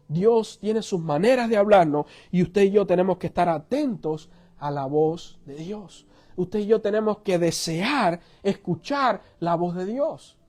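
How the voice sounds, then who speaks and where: A male pastor preaching a sermon, telling stories with animation and dropping to soft, earnest tones. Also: high voice.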